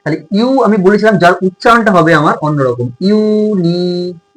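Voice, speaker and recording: A man's voice: high-pitched, sing-song, fast, a bit bright, soft background music, rough recording. A male tutor with a Bengali accent teaching a grammar lesson, asking his students questions and answering them himself.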